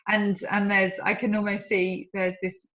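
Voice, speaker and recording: A woman client in a therapy session, slowly and hesitantly describing the images she sees. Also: medium pitch, level tone, a bit bright, lo-fi sound. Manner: slow, hesitant, full of fillers and restarts.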